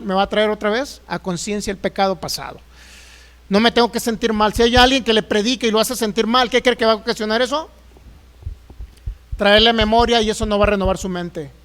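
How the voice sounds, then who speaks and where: A man's voice: high-pitched, a bit bright. A man preaching a sermon as a pastor, emphatic and acting out the voices he quotes.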